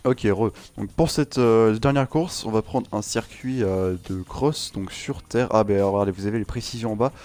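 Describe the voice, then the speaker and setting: This man's voice sits on the low side with a darkish tone, moving at normal speed with hardly any pauses. He's a gaming channel host rambling and joking over his own racing gameplay, full of fillers and restarts, as game sounds and music play.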